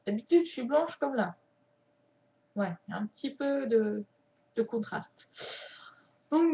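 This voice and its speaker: A woman with a fairly high voice chats casually to her viewers, joking as she goes. She slows her words at times while she signs. The recording sounds dull and lo-fi. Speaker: YouTuber teaching sign language. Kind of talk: casual chat to camera.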